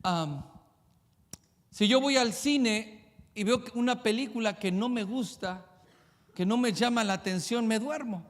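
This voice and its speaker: High-voiced pastor preaching. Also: male voice, long reverb tail. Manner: emphatic, rapid-fire rhetorical questions. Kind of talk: sermon.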